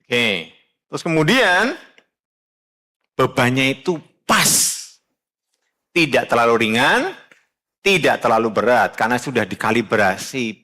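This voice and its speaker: Male pastor, sermon; colloquial, direct address, shifts between quiet earnest and raised emphatic exhortation. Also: sing-song, measured pace, pauses often. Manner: emphatic, swings from low earnest tones to loud raised exhortation. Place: church.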